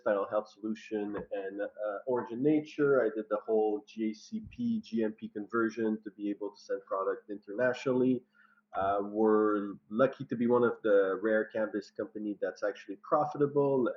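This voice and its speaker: A man who is a cultivation director, introducing himself in a friendly, slightly halting way on a panel. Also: on the low side. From Canada. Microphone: video call. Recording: dull lo-fi audio.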